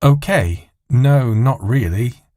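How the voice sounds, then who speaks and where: A man plays a prim British woman traveller in an audio story, fussy and bitter. Her complaints move up and down in pitch, with a dry, close recording. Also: lively intonation, slow pace, mellow, no room sound. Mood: complaining.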